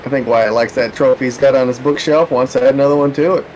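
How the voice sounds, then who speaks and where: A man giving color commentary on a live race, with measured, analytical talk and hesitant pauses. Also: medium pitch, fairly even intonation, a little mellow, slight background noise, poor audio.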